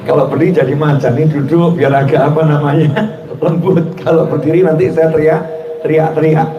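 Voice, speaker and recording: A man with an Indonesian accent giving a sermon at a religious gathering, telling stories and jokes in a relaxed way and putting questions to the audience. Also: on the high side. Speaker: preacher. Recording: echoey hall, distant mic, background noise.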